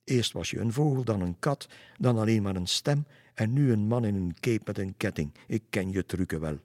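A man doing a cheeky, defiant young girl, high and bold. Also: moderate pace, darkish tone, no echo, studio quality, natural voice. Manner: cheeky and teasing. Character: brave mocking young girl.

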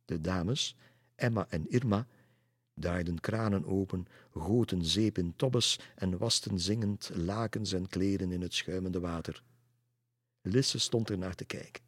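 A man reading a storybook aloud in a calm, even manner. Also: low-pitched, measured pace, husky. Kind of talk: storybook narration.

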